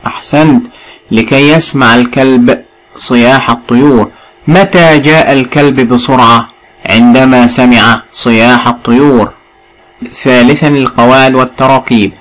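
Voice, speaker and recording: A man with an Egyptian accent teaching a recorded lesson to young pupils, spelling words out slowly and praising answers often. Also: medium pitch, fairly bright tone, low-quality recording. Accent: Egyptian Arabic. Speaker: primary school teacher.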